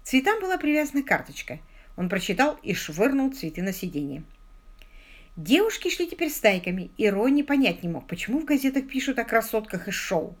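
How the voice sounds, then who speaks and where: Expressive woman reading a novel. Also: on the high side, fairly quick. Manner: expressive storytelling. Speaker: audiobook narrator. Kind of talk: audiobook reading.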